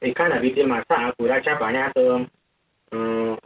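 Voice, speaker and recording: A man narrating fables for an audiobook in a measured, formal reading voice. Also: medium pitch, steady tone, far from the mic, low-quality recording.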